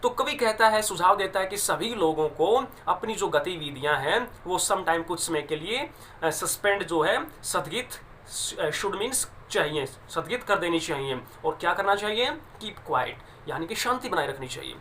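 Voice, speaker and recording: A man teaching a poem, explaining each line in Hindi and reading the English phrases slowly. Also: sits high, animated, a bit bright, a little hiss or hum. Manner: explains English lines in Hindi, stresses pronunciation. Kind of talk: classroom lesson explaining a poem.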